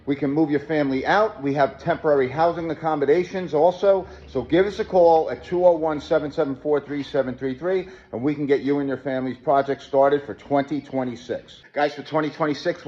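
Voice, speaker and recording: A man gives an upbeat sales pitch for his renovation company, repeating the key points as he walks through a house stripped to the studs. His voice sits a little high for a man. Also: darkish tone, dull audio. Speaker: home renovation contractor presenting his company. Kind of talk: promotional walkthrough pitch. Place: gutted house under renovation, indoors.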